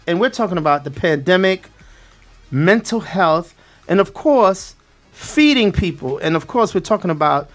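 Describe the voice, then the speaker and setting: A man with a Brooklyn accent hosting a lively community talk show, speaking colloquially and repeating phrases for emphasis. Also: high-pitched, moderate pace, faint music behind.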